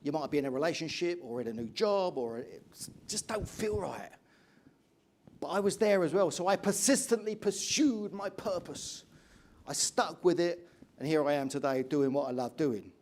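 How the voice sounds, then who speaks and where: An English man in middle age delivers a motivational keynote, his fairly high voice driving energetic stories. He keeps turning to the audience with direct questions. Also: moderate pace. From England. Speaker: motivational speaker.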